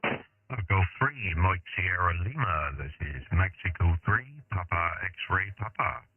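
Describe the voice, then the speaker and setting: A man's voice: deep voice, animated, slow pace, background noise. A man, an amateur radio operator, gives his details in a friendly, easygoing way, heard over a narrow shortwave radio signal. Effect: narrow shortwave radio sound. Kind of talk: on-air radio contact.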